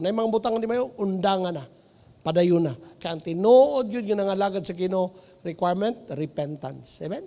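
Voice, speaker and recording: Preaching Filipino man in an echoey hall. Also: high-pitched. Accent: Filipino, Cebuano-speaking region. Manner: lively preaching, mixing in English, with shouts and laughter. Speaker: pastor. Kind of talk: sermon.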